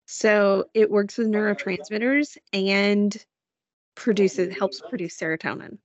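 A woman co-hosting a podcast, chatting casually and telling animated stories. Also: mid-range voice, unhurried. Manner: animated storytelling, acts out quoted voices. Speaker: podcast co-host. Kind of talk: casual chat. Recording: dull lo-fi sound.

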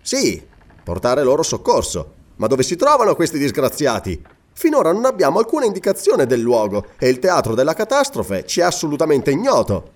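A man voicing a calm, authoritative noble lord leading a careful investigation in a read-aloud novel. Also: fairly high pitch, brisk, pitched above the performer's own voice. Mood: serious. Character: calm authoritative Scottish lord, methodical leader.

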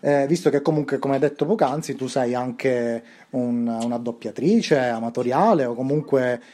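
A man hosting a casual podcast, talking with a rough voice and rambling through many fillers and restarts. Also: medium pitch, moderate pace, warm tone. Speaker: podcast host.

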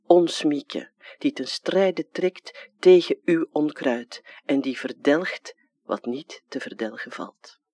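A reader with a Flemish accent giving a slow, solemn dramatic literary reading. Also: medium pitch, expressive, warm tone.

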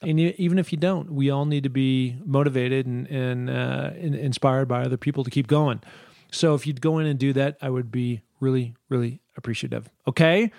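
Male podcast host, middle-aged, enthusiastic, mid-pitched, dry home-studio sound. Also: steady tone, a little fast, vocal fry, darkish tone, dry recording. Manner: upbeat, enthusiastic, frequent restarts. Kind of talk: casual podcast talk.

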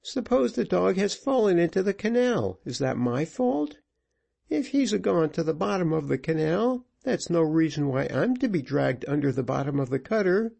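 A man's voice: on the high side, sing-song, moderate pace, creaky, darkish tone, voice pushed up, heavily acted. A man voicing a poor, timid young servant lad who pleads in a plaintive tone.

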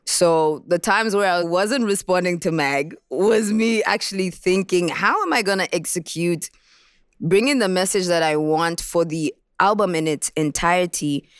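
Woman artist, raised in Botswana, lively interview storyteller; smooth, clear tone, dry close recording. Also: fairly low pitch, normal speed, dry recording. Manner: reflective, animated storytelling. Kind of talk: interview about making a song.

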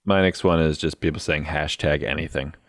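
A man's voice: extremely low pitch, fairly even intonation, a little fast, no room sound. A laid-back man chatting casually as a podcast co-host, laughing along. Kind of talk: casual chat.

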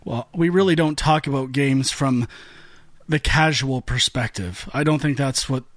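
A man's voice: mid-range voice, a little slow, dry recording. A man co-hosting a gaming podcast, arguing in a fired-up, ranting way with stumbling restarts. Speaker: podcast co-host. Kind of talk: heated casual debate.

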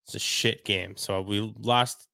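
Laid-back storytelling man, low voice. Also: steady tone, a little slow, creaky, sharp tone, dry recording. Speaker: podcast co-host. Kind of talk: casual chat.

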